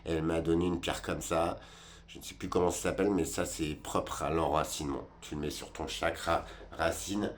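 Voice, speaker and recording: A man's voice: low-pitched, fairly even intonation, moderate pace, a little hiss or hum. A man in his forties giving a rambling, colloquial monologue, talking straight to the viewer about life. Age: 40s. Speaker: vlogger. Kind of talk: casual reflective monologue.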